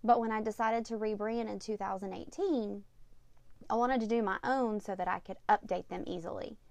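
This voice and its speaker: A woman's voice: medium pitch, fairly even intonation, normal speed, creaky, darkish tone, dry recording. A woman hosting a casual solo advice podcast, giving upbeat, tidy step-by-step tips like a vlogger. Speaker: podcast host.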